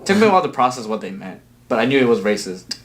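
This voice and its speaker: A man's voice: mid-range voice, fast talker. Young man telling stories animatedly. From Filipino background. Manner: storytelling, animated quotes. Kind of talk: casual group chat.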